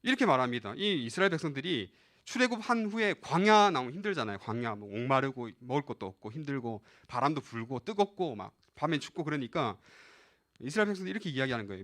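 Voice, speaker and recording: A man's voice: mid-range voice, big pitch swings, fast, fairly bright tone. A man preaching a live sermon as pastor, addressing the young listeners directly and acting out the voices in the scripture. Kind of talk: live sermon to a youth service.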